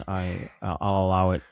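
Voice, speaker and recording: A man co-hosting a casual podcast, talking in a slow, laid-back way. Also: sits low, little pitch movement, vocal fry, dry recording. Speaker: podcast co-host. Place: home setup in Amsterdam.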